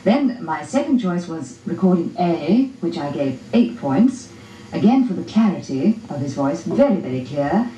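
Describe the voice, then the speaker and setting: A woman's voice: on the low side, very animated, normal speed, warm tone. A woman explaining her scores as a contest judge, articulate and appreciative. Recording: roomy recording with faint noise.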